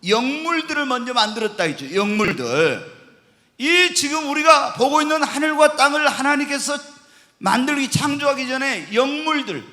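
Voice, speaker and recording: A man's voice: high-pitched, pushed and bright. A male pastor teaching the Bible in a sermon, asking the congregation questions and answering them himself. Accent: Korean. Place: church sanctuary. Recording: long hall reverb in church.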